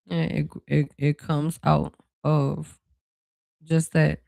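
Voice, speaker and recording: Intuitive card reader, casual spiritual reading, rambling fillers, fry in the voice, dry sound. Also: medium pitch, flat delivery, slow pace, darkish tone, no echo. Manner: rambling and chatty, with many "you know" fillers; talks straight to viewers as "y'all".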